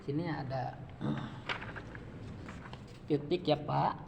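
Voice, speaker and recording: A man's voice: a little high, steady tone, drawn-out words, creaky, noisy background. A man giving a one-on-one Quran reading lesson, patient and repetitive, often checking in with his student. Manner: patient, repeats each point and keeps addressing the student. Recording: reverberant room.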